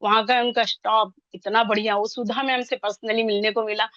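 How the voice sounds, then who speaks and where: An older woman in her sixties pours out an excited personal testimonial, rushing ahead and breaking off into restarts. Her voice sits a little high. The sound is dull and dry, with no room at all. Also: no echo. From India. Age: 60s. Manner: fast, excited, rambling speech with many restarts. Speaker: interviewee sharing her story.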